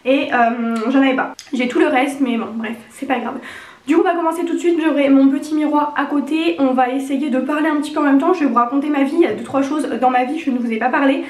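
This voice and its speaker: A young woman talks in a high-pitched voice with a honking, congested edge from a lingering cold. She rambles informally as a beauty vlogger reviewing makeup. The room around her sounds noticeably echoey. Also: fast talker. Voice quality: slightly honking, congested duck-like voice. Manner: chatty, rambling, informal slang. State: getting over a cold. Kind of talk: casual chatty makeup review.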